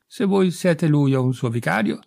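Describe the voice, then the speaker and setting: A man calmly narrating a literary story as an audiobook reader, in a measured, mildly ironic manner. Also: a little high, creaky, no room sound, clean studio sound.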